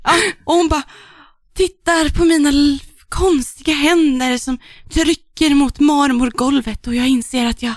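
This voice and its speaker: A young woman with a high, steady voice co-hosts a podcast, chatting casually about books. She rants with exasperation, uses plenty of profanity, and laughs through it. The sound is clean studio quality with no room sound.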